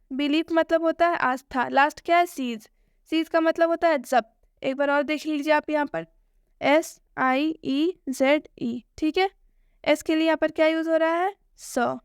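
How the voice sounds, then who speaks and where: High-voiced woman teaching pronunciation. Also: dry recording, clean studio sound. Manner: explains step by step with repeated questions. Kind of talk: online lesson narration.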